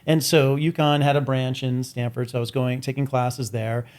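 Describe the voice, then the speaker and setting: A man's voice: medium pitch, little pitch movement, normal speed, darkish tone. Self-amused man telling stories. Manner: storytelling, self-amused, laughs at his own jokes. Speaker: podcast co-host. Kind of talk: casual chat.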